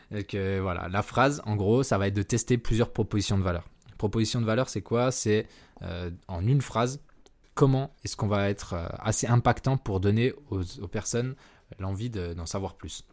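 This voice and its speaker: Rambling man, low voice, lots of ums. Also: moderate pace, a little mellow. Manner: rambling, many fillers and self-corrections. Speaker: podcast host. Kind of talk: casual solo marketing talk. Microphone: podcast mic.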